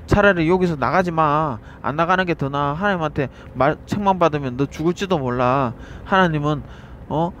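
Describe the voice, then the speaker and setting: A man's voice: fairly high pitch, moderate pace, a bit bright, muffled recording, a little hiss or hum, natural voice. A man voicing a taunting male devil who needles the listener with mocking questions, in a sermon. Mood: accusing.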